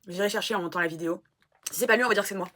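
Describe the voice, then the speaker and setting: A woman vlogger in casual chat, animated and self-mocking, swearing now and then. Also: medium pitch, very fast.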